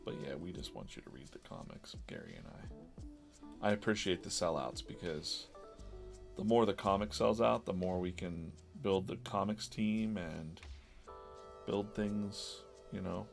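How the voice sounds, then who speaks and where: A man's voice: deep voice, big pitch swings, unhurried, gravelly, faint music behind. A man hosting a live drawing stream, chatting casually and rambling with frequent restarts as he works on a comic. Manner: rambling, self-interrupting, business-minded.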